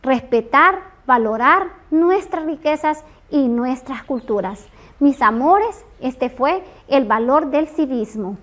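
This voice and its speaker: A woman in her thirties from Honduras, a preschool teacher giving a televised lesson in a slow, sing-song, affectionate way to small children. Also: high-pitched, lively intonation, fairly bright tone. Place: classroom, then outdoor garden.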